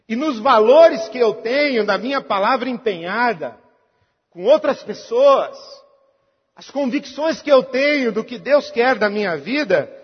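A man preaching a sermon, earnest, moving between emphatic lines and hushed, intimate ones. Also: very high-pitched, slightly rough. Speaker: pastor. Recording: reverberant hall, dull lo-fi sound.

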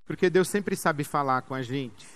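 A man's voice: on the high side, normal speed, fairly bright tone. A man with a Brazilian Portuguese accent preaching a sermon, emphatic and repetitive, with rhetorical questions.

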